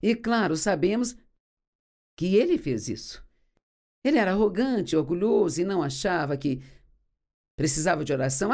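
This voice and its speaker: A woman's voice: medium pitch, warm tone. A woman giving an earnest sermon teaching as a dubbed voice-over, reading scripture aloud and explaining it. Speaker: Bible teacher.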